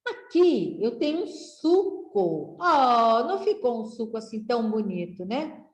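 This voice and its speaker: A woman's voice: fairly high pitch, very animated, reverberant. A woman teaching children to read, drawing out syllables and checking in with the children often. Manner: drawn-out syllables, frequent "né?" and "tá?" checks. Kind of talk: slow, patient reading lesson for children.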